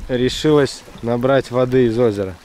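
A man chats wryly as he drives and walks through a rainy forest. His voice sits at an ordinary middle pitch. Car hum and outdoor noise run clearly behind him. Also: normal speed, darkish tone. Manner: chatty, wry remarks while driving and walking. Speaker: travel vlogger. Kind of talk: casual travel vlog commentary. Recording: noisy outdoor and car recording.

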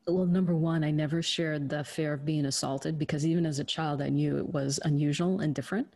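A woman's voice: sits low, steady tone, brisk, warm tone, no room sound. A woman in her fifties from Trinidad, an author telling her story earnestly and reflectively in an interview. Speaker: author guest. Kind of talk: interview conversation. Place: studio against plain grey backdrop.

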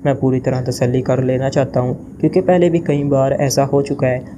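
A man's voice: medium pitch, level tone, normal speed, warm tone, a little hiss or hum, close to an everyday voice. A man voicing an agitated, anxious male head of state who barks orders, in an audio novel reading.

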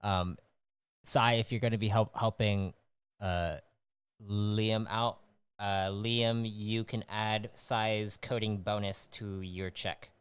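A man running a tabletop game as game master, relaxed and laughing often. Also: fairly low pitch, takes it slowly, clear, resonant tone, no echo.

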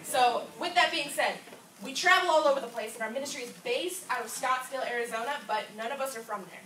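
A woman's voice: high-pitched, quick pace, a bit bright. A young woman from Florida leading a drama ministry team, giving upbeat announcements and a prayer. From Orlando, Florida. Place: church hall with a wooden floor, indoors. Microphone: far camera. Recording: echoey room from far off, noisy.

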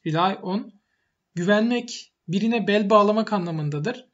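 A man's voice: high voice, a little slow, lo-fi sound. A man teaching English vocabulary, explaining each word step by step and repeating it for emphasis, with typing on a keyboard. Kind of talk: vocabulary lesson while typing.

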